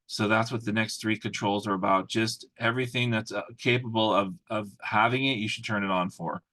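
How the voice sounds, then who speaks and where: A man with a fairly low voice presents a corporate training video in a dry, close recording with little room sound. He explains procedures informally and practically, addressing the listener directly as an instructor. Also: fairly even intonation, a little fast, bright, forceful tone, no room sound. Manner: explanatory, instructing in the second person with practical examples. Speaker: cybersecurity compliance trainer.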